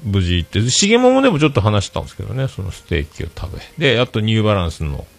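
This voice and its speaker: Rambling low-voiced man chatting on a stream. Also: big pitch swings, rapid-fire, vocal fry. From Fukuoka, Japan. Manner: rambling, chatty, self-mocking. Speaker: livestream host. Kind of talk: casual solo livestream chat.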